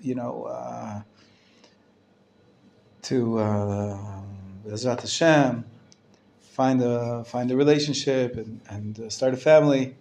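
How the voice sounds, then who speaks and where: A man's voice: mid-range voice, steady tone, vocal fry, a little mellow. A man teaching a live class as a rabbi. He speaks informally and hesitantly, often restarting, asks and answers his own questions, and uses Hebrew religious terms. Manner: hesitant, halting delivery with frequent restarts.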